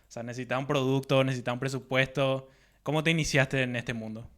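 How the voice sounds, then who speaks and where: A man co-hosting a business podcast, asking questions and explaining things in an even, conversational way. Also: medium pitch, quick pace. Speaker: podcast co-host. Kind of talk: podcast interview.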